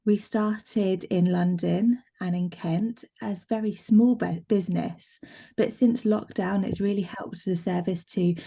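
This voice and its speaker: A woman interpreting a live presentation aloud over a video call, plain and explanatory, in halting phrases. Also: mid-range voice, fairly even intonation, gravelly, warm tone. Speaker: sign language interpreter voicing a presenter.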